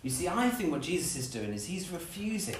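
A man preaching a lively sermon, acting out scenes with playful voices. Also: on the high side, a little fast, slight background noise. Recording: echoey room, from a distance.

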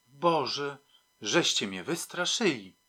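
A man's voice: medium pitch, expressive, slow pace, pushed and bright, pitched above the performer's own voice, full character voice. A man voicing a proud, frightened older woman in an audiobook. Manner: pleading, then bitter and dignified.

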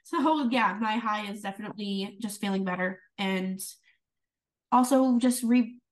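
A young adult woman co-hosts a podcast in casual chat, her mid-range voice a little slow and far from the mic. She's giggly and heavy on fillers, saying "like" constantly.

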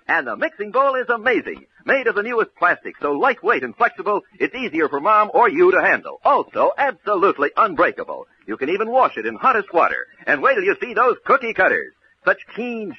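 Singsong high-pitched man selling to kids. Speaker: radio advertisement announcer. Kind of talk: enthusiastic 1950s children's radio sales pitch. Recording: dull old radio recording, faint noise.

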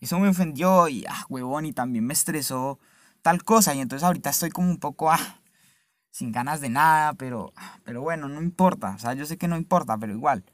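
A man's voice: fairly high pitch, fast talker, a bit bright, no room sound. A young man talking casually and reflectively to the camera, swearing freely and often checking in with the listener. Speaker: vlogger.

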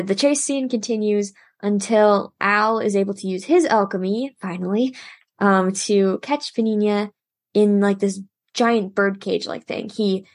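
A woman's voice: medium pitch, no room sound, studio quality. Chatty woman co-hosting a recap. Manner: chatty, laughs while explaining. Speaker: podcast co-host. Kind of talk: casual episode recap.

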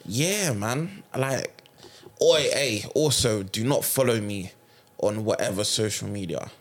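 A man's voice: lowish voice, a little slow. A young man with a London accent chatting casually in slang, repeating himself for emphasis. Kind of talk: casual chat.

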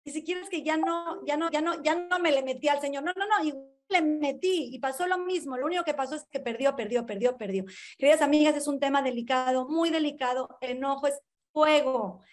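A woman speaks in a high, bright register as she gives an inspirational talk to women. She tells personal anecdotes with lively expression and warmly calls her audience dear friends. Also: fairly quick. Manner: animated, storytelling, addresses listeners as dear friends.

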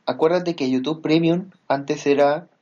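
A man's voice: on the high side, fairly even intonation, unhurried, warm tone, highs cut off. A man in a casual chat, talking hesitantly with many fillers as he explains things.

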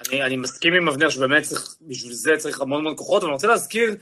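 A man's voice: fairly high pitch, lively intonation, sharp tone. A man speaking as a journalist on a panel, telling stories animatedly with many fillers. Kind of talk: panel discussion.

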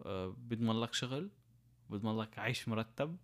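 A man's voice: lowish voice, brisk. A young man with a Syrian Arabic accent chatting casually, explaining his points through everyday examples and rhetorical questions. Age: young adult. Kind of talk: casual chat.

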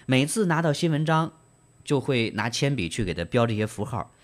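A man's voice: mid-range voice, sing-song, brisk. A man hosting a book club, explaining and retelling in trained standard Mandarin with frequent fillers and questions to the listener. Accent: standard Mandarin, broadcast-trained. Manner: gentle storyteller, asks listeners rhetorical questions. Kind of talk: book reading and discussion.

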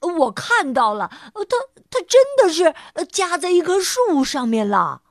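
A woman's voice: high-pitched, sing-song, measured pace, no echo, clean studio sound, heavily acted. A woman voicing a hesitant, stammering elephant in a storybook reading.

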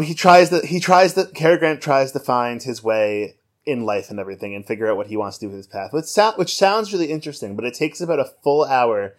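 A man co-hosting a casual podcast chat, rambling with frequent ums and amused asides. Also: medium pitch. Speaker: podcast co-host.

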